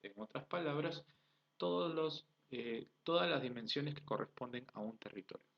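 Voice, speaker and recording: On a dull lo-fi recording of an online lecture, a man from Peru with a Peruvian Spanish accent teaches step by step, posing rhetorical questions and checking on his students. His medium-pitched voice is creaky yet animated, at a normal pace.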